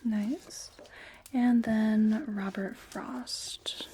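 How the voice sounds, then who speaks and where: Slow, ASMR role-play by a woman. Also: on the high side, fairly even intonation, a little hiss or hum. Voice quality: soft, breathy library soft voice. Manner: slow, gentle, unhurried murmuring. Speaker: ASMR performer playing a librarian.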